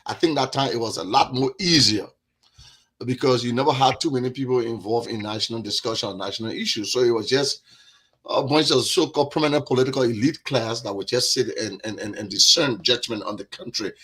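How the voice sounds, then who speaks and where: A man's voice: medium pitch, a little fast, a bit bright, breathy edge. A man with a Liberian accent, a guest on a discussion podcast, talking earnestly and repeating words as he builds his point.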